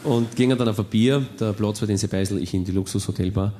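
Deadpan Viennese cabaret comedian, man. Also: on the low side, fast, heavy background noise. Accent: Austrian German, Viennese. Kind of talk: cabaret monologue.

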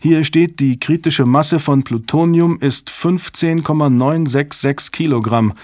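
A man voicing an excited young female code analyst in an audiobook reading, quick to chime in. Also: on the high side, dry recording, studio quality, pitched above the performer's own voice, close to an everyday voice. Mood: eager.

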